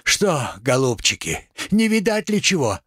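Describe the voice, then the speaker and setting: Man doing a timid husband, pleading, husky, slow. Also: a little high, wildly swooping pitch, fairly bright tone, no room sound, clean studio sound, pitched above the performer's own voice, full character voice. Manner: pleading, anxious. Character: timid, desperate young husband.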